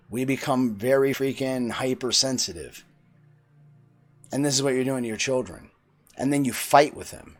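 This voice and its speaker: A man in his forties giving a blunt, profane, preachy monologue. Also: medium pitch. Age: 40s. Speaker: vlogger. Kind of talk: opinionated monologue.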